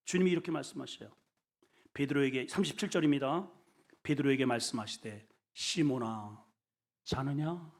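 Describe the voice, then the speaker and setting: A male senior pastor preaching a sermon in a folksy, colloquial way, swinging between hushed and loud, emphatic lines. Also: mid-range voice, expressive, fairly quick, vocal fry. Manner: folksy, colloquial storytelling with humor.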